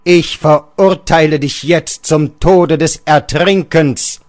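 A man's voice: on the low side, unhurried, dry recording, studio quality, voice pushed up, close to an everyday voice. A man reading an audiobook, voicing an old bedridden father who rants scornfully at his son and keeps raising his voice. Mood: condemning. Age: older. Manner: ranting, raising his voice in bursts.

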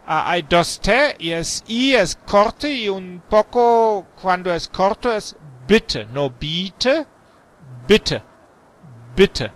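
A man tutoring German pronunciation, patiently correcting sounds and repeating words slowly. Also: sits high, lively intonation, fairly bright tone. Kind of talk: pronunciation drill.

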